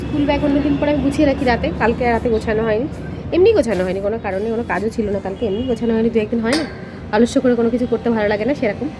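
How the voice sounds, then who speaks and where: A quick-talking woman in her thirties narrates her day straight to her viewers, with a slight rural Bengali lilt and lots of fillers. Her voice sits a little high, and she is recorded on a camera held some way off, at home and outdoors. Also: background noise. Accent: Bengali with a slight rural Jessore-Khulna lilt. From India. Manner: chatty, addresses viewers directly, frequent fillers. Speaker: vlogger. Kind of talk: casual vlog narration. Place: home and outdoors while running errands.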